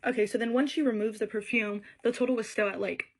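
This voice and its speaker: A woman's voice: a little high, steady tone, fast. A woman who works at a beauty store tells a frank, exasperated story in casual chat.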